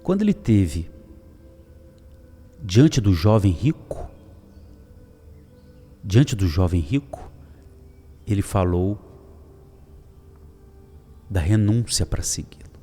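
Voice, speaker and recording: A man giving a daily devotional sermon, emphatic and swinging from loud calls to soft whispers. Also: lowish voice, lively intonation, takes it slowly, long pauses, husky, soft background music. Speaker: preacher.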